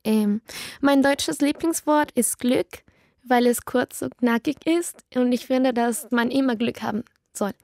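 A woman of about nineteen from Ecuador, a native Spanish speaker with an Ecuadorian Spanish accent, earnestly answers portrait-interview questions about herself in learner German. Her voice is fairly high with a darkish tone and an unhurried pace, recorded dry and clean in a studio.

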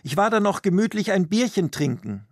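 A man voicing a cheerful, teasing husband in a slow read-aloud story. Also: sits high, sing-song, dry recording, studio quality, pitched above the performer's own voice. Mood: breezy. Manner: breezy, joking.

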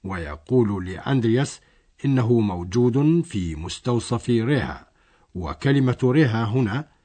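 A man's voice: fairly low pitch, darkish tone, slightly rough. A man narrating a scripted language lesson, explaining a dialogue step by step.

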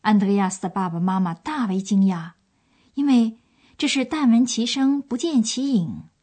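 A woman presenter reads scripted narration for a language course. Her mid-pitched voice explains and retells a story for listeners. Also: expressive, normal speed, a little mellow.

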